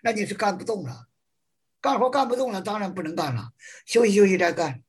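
Very husky teacher. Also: medium pitch, expressive, a little fast. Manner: plain-spoken, reassuring, repeats points. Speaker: Buddhist practice teacher answering questions. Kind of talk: colloquial Q&A answers.

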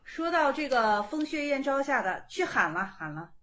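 A woman's voice: high voice, big pitch swings, normal speed, fairly bright tone. A woman giving an informal online lecture as a Buddhist meditation teacher, often repeating her phrases and growing emphatic as she explains.

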